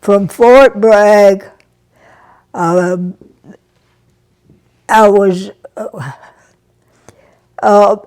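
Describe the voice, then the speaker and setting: A woman over a hundred, raised in Brazil, recalling her years as an army nurse in an interview, speaking softly and haltingly with many pauses. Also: medium pitch, fairly even intonation, smooth. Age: over 100. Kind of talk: interview reminiscence.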